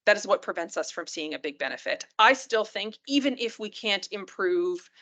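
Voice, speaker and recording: Woman physician giving a relaxed lecture. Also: medium pitch, normal speed. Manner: conversational, often checks in with "right?" and "okay?"; many fillers and restarts. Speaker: critical care physician lecturing. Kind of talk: hospital rounds lecture.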